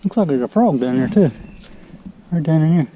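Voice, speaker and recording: This hiking vlogger's voice is a little high, expressive and slightly fast, captured muffled with background noise by the action camera he holds. He chats to it in an easygoing way while walking a forest trail.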